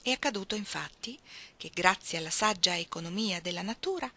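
A woman reading a literary novel aloud, expressive, dropping at times to hushed, almost whispered phrases. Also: on the low side, a little fast. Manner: expressive, shifting between soft hushed phrases and emphatic ones. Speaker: reader.

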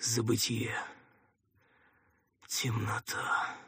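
A man narrating a fantasy audiobook in the first person with a measured, dramatic reading. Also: fairly low pitch, completely flat delivery, bright, forceful tone, slightly rough, dry recording, whispered, clean studio sound.

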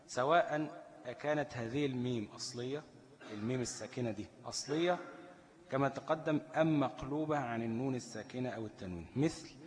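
A tajweed teacher with an Egyptian accent speaks in a medium-pitched voice that echoes through a large hall. He quizzes the students back and forth and stretches out each example as he recites it.

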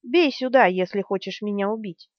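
A woman reading the part of a stubborn, calm young male hero in an audiobook, steady and earnest. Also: mid-range voice, normal speed, no echo, close to an everyday voice. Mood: earnest resolve. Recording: dry, slightly dull studio sound.

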